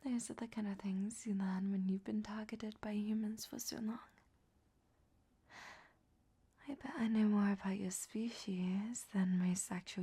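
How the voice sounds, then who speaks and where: At medium pitch and in a musing mood, a woman plays a cunning, flirtatious ancient vampire in an audio drama roleplay. Her delivery is a soft, breathy half-whisper, teasing and sardonic.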